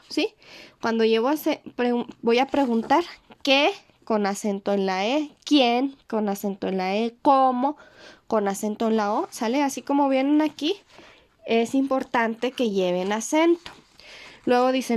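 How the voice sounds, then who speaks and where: A woman with a Mexican accent, a teacher patiently walking pupils through a homework sheet, slowing down on key words and checking in often. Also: on the high side, darkish tone. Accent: Mexican Spanish. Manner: slows down to stress key words.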